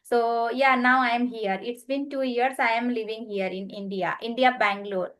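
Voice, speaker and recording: This guest English learner from Nepal, a native Nepali speaker, talks haltingly and keeps restarting in a relaxed video call conversation. She has a high, fairly bright voice with a steady tone.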